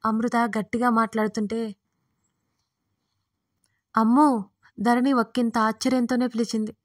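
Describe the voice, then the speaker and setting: A woman reading a romance story aloud in a steady, soft-spoken narration. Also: fairly high pitch, a little fast.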